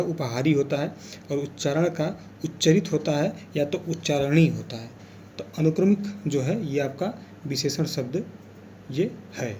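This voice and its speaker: A man leading an exam revision lesson, speaking patiently and going back over key words. His voice sits a little high for a man but sounds dark and mellow. There is a faint hiss of room noise behind him. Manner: explains patiently, repeats key words, keeps saying "theek hai". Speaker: teacher.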